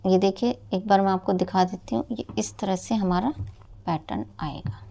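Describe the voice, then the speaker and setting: A woman teaching a knitting lesson step by step, her voice mid-pitched with a gravelly, creaky edge. She explains each stitch patiently and addresses her viewers warmly as friends. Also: moderate pace, a little hiss or hum. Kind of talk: step-by-step craft tutorial.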